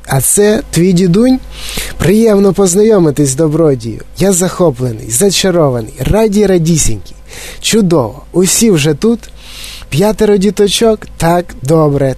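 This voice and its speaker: A man voicing an eccentric, excitable male chocolate-factory owner who speaks in a high, clear, flute-like voice and gushes with delight. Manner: effusive, bubbling with excitement. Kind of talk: audiobook character voice.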